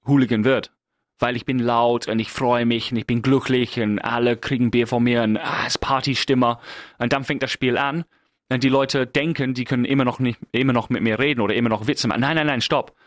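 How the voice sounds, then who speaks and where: A man's voice: mid-range voice, fairly bright tone, dry recording, studio quality. A middle-aged man from England with an English accent, speaking German as a second language in a casual, self-mocking podcast monologue full of fillers and restarts. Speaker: podcast host.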